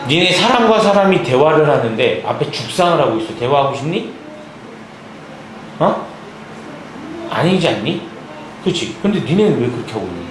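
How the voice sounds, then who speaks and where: A man's voice: on the high side, big pitch swings. A young man tutoring math at an academy classroom, lecturing and scolding his students, checking in with them constantly. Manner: scolding, lots of quick check-in questions. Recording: very echoey room, mic far off, noisy.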